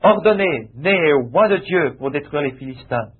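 A man's voice: on the high side, animated, moderate pace, slightly rough. A man preaching a sermon with emphatic, repetitive phrasing that rises into exclamations. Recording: tinny lo-fi phone-like sound.

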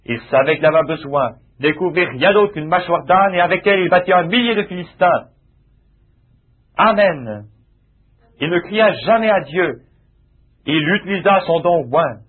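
A man's voice: fairly high pitch, animated, normal speed, long pauses, husky. A man preaching a sermon with emphatic, repetitive phrasing that rises into exclamations. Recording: tinny lo-fi phone-like sound.

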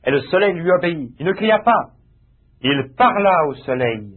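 A man's voice: on the high side, animated, moderate pace, husky. A man preaching a sermon with emphatic, repetitive phrasing that rises into exclamations. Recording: tinny lo-fi phone-like sound.

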